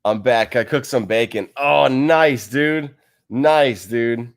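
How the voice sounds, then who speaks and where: With a mid-range voice and a slow pace, this livestream host sits near his desk mic in a wide room at home. He's laid-back and rambling, laughing often while he reads comments from viewers.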